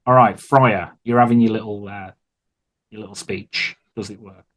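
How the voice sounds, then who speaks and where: A man's voice: lowish voice, fairly even intonation, normal speed, a bit bright. A man narrating and running a tabletop game in loose, rambling, sweary talk. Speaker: game master.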